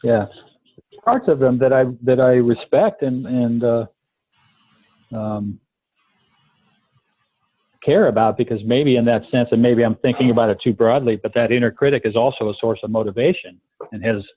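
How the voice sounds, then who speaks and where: Halting, thoughtful man on a tinny line. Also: medium pitch, no room sound. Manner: thoughtful, halting, many ums. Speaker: coaching student. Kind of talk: live coaching demonstration. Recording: tinny phone-like call line.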